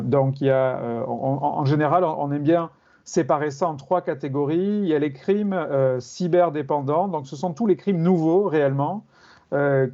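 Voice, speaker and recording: Middle-aged man from France, professor guest, hesitant explainer, slightly high voice, dull lo-fi recording. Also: dark tone. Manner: measured, hesitant with frequent fillers and restarts. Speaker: criminology professor, interview guest. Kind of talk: explanatory interview answers.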